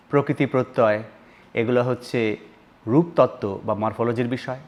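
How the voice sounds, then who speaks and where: A man from Bangladesh giving an explanatory video lecture on grammar, stressing key terms and walking through spoken examples. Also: medium pitch. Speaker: linguistics lecturer.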